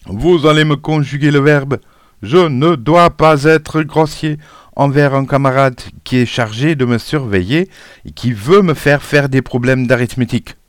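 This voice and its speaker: A man's voice: lowish voice, lively intonation, measured pace, dry recording, clean studio sound. A man voicing a stern, suspicious school supervisor who gives commands.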